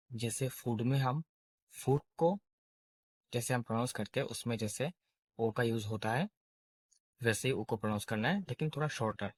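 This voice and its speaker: A man's voice: mid-range voice, a little mellow, husky, dry recording. A man teaching a beginner language lesson, saying each example word and its meaning twice. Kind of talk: slow spoken lesson.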